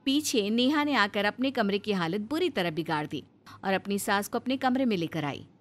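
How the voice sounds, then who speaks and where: A woman narrating a cartoon story in a calm, even storytelling manner. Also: medium pitch, normal speed.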